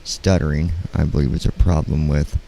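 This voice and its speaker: A man hosts a casual livestream in a deep voice, kept quiet for late at night. There is a gravelly creak to his halting talk, and some noise sits behind him. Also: flat delivery, poor audio. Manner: quiet, hushed night-time talk so as not to wake someone. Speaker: live streamer. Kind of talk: casual chat, flight sim livestream. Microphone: handheld studio microphone.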